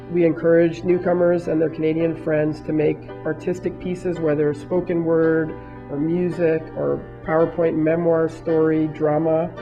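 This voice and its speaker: A woman teacher speaking in a documentary interview, thoughtful, pausing with fillers. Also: deep voice. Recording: dull video clip with music behind.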